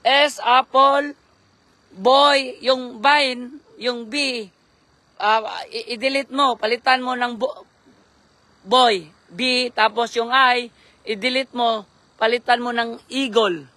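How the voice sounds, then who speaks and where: A hoarse man doing casual live-stream commentary on a night fishing trip, giving shout-outs and spelling names for viewers. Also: very high-pitched, fairly even intonation, takes it slowly, dry recording. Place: outdoors at night by the water.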